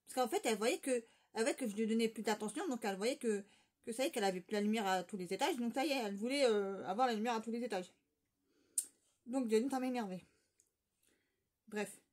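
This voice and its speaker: A woman's voice: fairly high pitch, darkish tone. A woman vlogger telling a rambling, gossipy story in casual chat, with lots of fillers and restarts.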